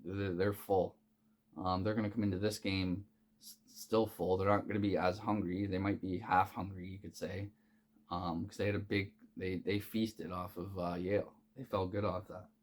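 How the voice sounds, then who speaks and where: Casual male sports bettor, lowish voice, loose and profane, filler-heavy delivery. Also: flat delivery, moderate pace. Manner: rambling, profane, many fillers and restarts. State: hiccuping. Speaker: sports betting picks host. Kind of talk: casual unscripted sports betting talk.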